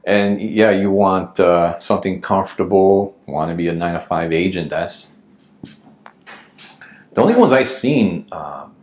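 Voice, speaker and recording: A man with a very low voice tells lively work stories in casual podcast chat, leaning on fillers as he goes. The sound is roomy, with a clear echo around him. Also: unhurried. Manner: animated anecdotes with filler likes and ums. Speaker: real estate agent.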